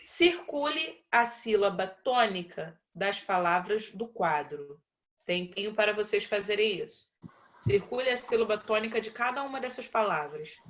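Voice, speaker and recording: Uma professora brasileira dando aula online, chamando os alunos pelo nome e repetindo as respostas com paciência. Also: female voice, medium pitch, expressive, fairly bright tone, muffled recording. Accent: Brazilian Portuguese. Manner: patient, slow, calls on pupils by name and repeats answers. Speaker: primary school teacher. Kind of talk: online class, quizzing pupils.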